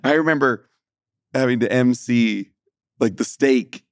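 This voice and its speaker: A man from Texas with a gravelly, creaky edge to his voice, hosting a faith podcast in a lively, joking way. He laughs often between stories, and the sound is close and dry with no room around it. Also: medium pitch, unhurried, no room sound. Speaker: podcast co-host. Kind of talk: casual gospel podcast chat.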